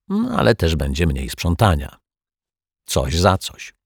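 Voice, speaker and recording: Man reading a children's audiobook, low husky voice, dry close sound, calm storytelling. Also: no room sound. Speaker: audiobook narrator. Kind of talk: scripted narration.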